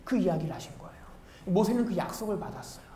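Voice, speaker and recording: A man preaching a sermon, telling a family story with earnest warmth and building to emphatic, repeated questions. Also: high voice, very animated, fast, slight background noise. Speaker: pastor. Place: church sanctuary. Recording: echoey church room, faint ambience.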